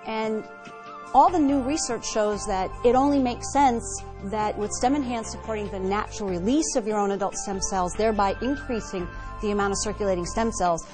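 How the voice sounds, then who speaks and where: Female doctor, medium pitch, conversational endorsement with prominent music behind. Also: moderate pace. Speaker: doctor giving testimonial. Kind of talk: conversational testimonial. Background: background music.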